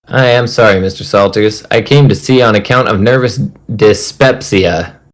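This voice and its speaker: A man's voice: on the low side, normal speed, lightly acted. A man voicing a meek, nervous farmer with a small, apologetic voice.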